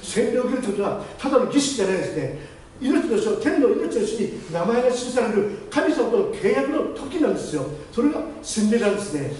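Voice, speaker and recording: A high-pitched male pastor tells his testimony at a brisk clip, acting out the other voices in his story. His voice is picked up from some distance in a heavily reverberant chapel, with faint noise underneath. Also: very animated, a little mellow. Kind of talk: testimony sermon. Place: church chapel. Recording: very echoey hall, distant mic, faint noise.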